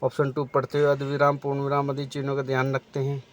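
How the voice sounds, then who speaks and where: A man's voice: mid-range voice, completely flat delivery, fast talker. Man explaining teaching exam answers. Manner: reads out options then explains the answer.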